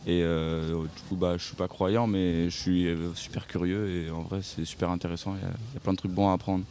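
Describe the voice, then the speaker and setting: Deep, mellow-voiced teenage boy guest. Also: fairly quick, slight background noise. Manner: relaxed, informal youth speech. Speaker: young guest. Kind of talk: casual interview answers.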